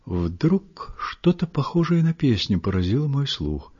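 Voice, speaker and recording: A man reading a literary story aloud in a measured, expressive storytelling manner, his voice husky. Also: mid-range voice. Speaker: audiobook reader. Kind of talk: literary audiobook narration. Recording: muffled lo-fi recording.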